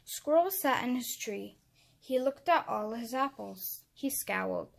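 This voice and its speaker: Expressive woman reading a picture book. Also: on the high side, unhurried, creaky. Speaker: narrator. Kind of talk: children's read-aloud narration.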